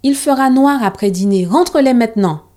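A woman's voice: fairly high pitch, animated, brisk, mellow, natural voice. A woman voicing a patient but firm mother in a storybook, speaking in an insistent parental tone.

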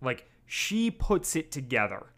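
A young man co-hosting a casual podcast, animated and quick to laugh, slipping into playful quoted voices as he talks through an episode. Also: medium pitch. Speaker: podcast co-host. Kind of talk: casual chat reviewing an audio drama episode.

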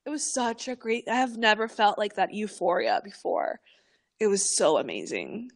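A young woman co-hosting a podcast, telling stories in a lively, animated way, laughing often and swearing freely. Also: medium pitch, normal speed, gravelly. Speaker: podcast co-host. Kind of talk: casual podcast chat.

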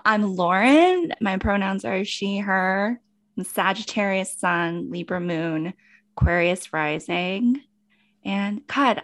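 A young woman chats on a podcast in a dry, self-mocking way, often trailing off and starting over. Her voice is full of gravelly fry and sits at a middle pitch. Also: fairly bright tone. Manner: self-deprecating, halting, wry. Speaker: podcast co-host. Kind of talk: casual chat.

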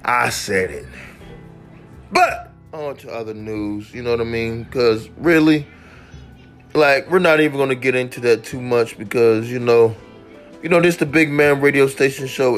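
A man hosting a mock talk-radio show, ranting excitably and repeating himself with lots of "like.". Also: mid-range voice, moderate pace, faint music behind. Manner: excitable, repetitive, peppered with "like". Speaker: host of a homemade radio-style show.

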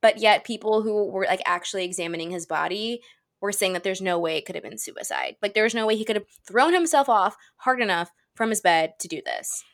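A woman's voice: mid-range voice, brisk, gravelly. Sarcastic young woman podcaster. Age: 20s. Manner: animated, reads out news, sarcastic asides. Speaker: podcast co-host. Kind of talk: casual chat.

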